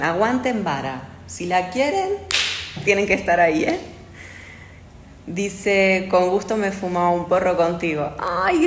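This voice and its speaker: A woman's voice: on the low side, slight background noise. Chatty woman on a phone livestream, echoey room. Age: young adult. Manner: chatty and candid, swears often. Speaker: livestream host. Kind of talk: casual livestream chat reading viewer comments. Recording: echoey room with long reverb.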